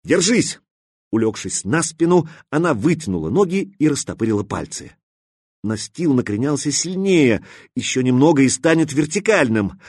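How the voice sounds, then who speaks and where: A man with a husky voice narrating an audiobook in a tense, measured way. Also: medium pitch, big pitch swings, a little mellow, dry recording, studio quality. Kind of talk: scripted narration.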